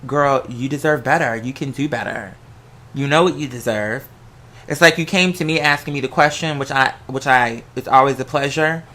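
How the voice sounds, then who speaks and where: An American vlogger hands out casual relationship advice in a sassy, playful, theatrical style, often calling the listener "girl" and bursting into song. Her mid-range voice is bright and forceful at a normal speed, in an animated advice chat.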